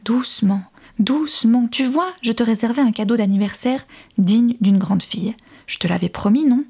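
A woman voicing a cruel middle-aged father who speaks in a low, hushed whisper. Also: moderate pace, creaky, slightly rough. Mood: sinister.

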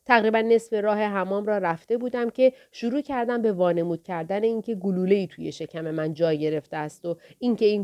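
Audiobook reader: woman, steady first-person narration. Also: mid-range voice.

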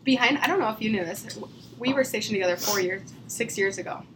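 A woman's voice: medium pitch, fast, fairly bright tone, slight background noise, low-quality recording. A woman from Wisconsin, an army spouse moderating a roundtable in a friendly, encouraging way. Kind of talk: roundtable discussion.

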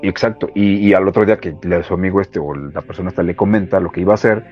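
A man with a Mexican accent, a radio host musing in casual chat with hesitant, reflective pauses. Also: sits low, steady tone, soft background music. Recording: slightly muffled radio recording.

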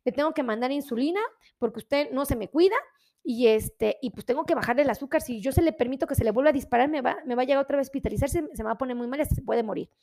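A woman's voice: high voice, rapid-fire, gravelly, darkish tone. A woman voicing a stern male doctor who lectures a careless patient about his blood sugar. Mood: scolding. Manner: scolding, warning.

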